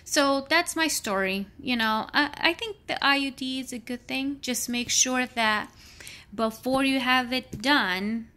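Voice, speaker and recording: In a high, sharp-toned voice, a woman in her thirties vlogs frankly at a measured pace. She works in healthcare and rambles, dropping fillers often.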